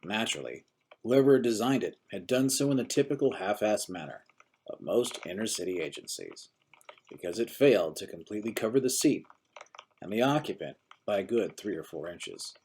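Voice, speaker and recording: A man's voice: on the low side, big pitch swings, brisk, darkish tone, slight background noise. A man reading a short story aloud, narrating steadily and voicing its characters. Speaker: story reader.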